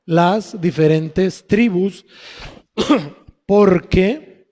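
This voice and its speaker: Slow, high-voiced male preacher in a reverberant hall. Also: a little mellow. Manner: slow, emphatic preaching with rhetorical questions. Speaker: pastor. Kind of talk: sermon. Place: church hall.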